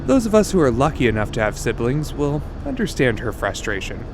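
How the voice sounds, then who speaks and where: Lively male podcast storyteller. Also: a little fast, heavy background noise. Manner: lively conversational storytelling with wide pitch swings. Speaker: narrator and podcast host. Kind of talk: storytelling narration.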